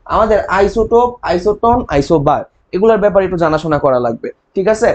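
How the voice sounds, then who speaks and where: A man's voice: high-pitched, expressive, quick pace, a little mellow. A young man with a Bangladeshi Bengali accent teaching chemistry exam prep, quizzing students with rhetorical questions and mnemonics and checking in often. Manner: frequent "ঠিক আছে?" check-ins. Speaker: chemistry tutor. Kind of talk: online exam-prep lecture.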